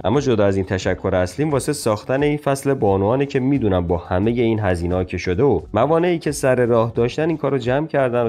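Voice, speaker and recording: A man's voice: mid-range voice, darkish tone. A man giving a casual, opinionated spoken review as the channel's host. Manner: opinionated, chatty critique. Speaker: show reviewer.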